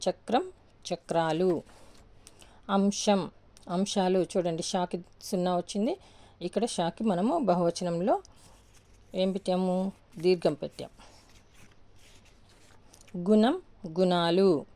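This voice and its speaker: Slow, patient woman teaching grammar. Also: fairly low pitch, dark tone. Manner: patient, repeats each word pair, asks and answers her own questions. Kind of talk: slow step-by-step grammar lesson.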